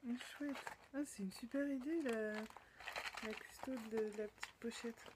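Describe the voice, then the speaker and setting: A French woman hosting a knitting podcast, chatting casually as she unboxes gifts, full of delighted little exclamations and often dropping to a soft near-whisper. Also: a little high, a little slow. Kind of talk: casual unboxing chat to camera. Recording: noticeable background noise.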